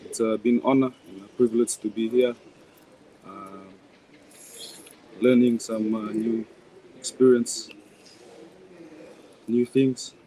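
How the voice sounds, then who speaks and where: A man from Fiji with a warm, mellow voice introduces himself to the group. He speaks politely and pauses often with "uh". His talk is plain and grateful in tone. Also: mid-range voice, level tone, rough recording. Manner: hesitant, polite. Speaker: professional dancer. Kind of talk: casual introduction.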